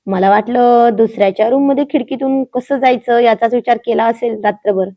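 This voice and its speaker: A woman's voice: a little high, brisk, dull audio, lightly acted. A woman voicing a bashful young woman who speaks coyly to her beloved. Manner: shy, coy.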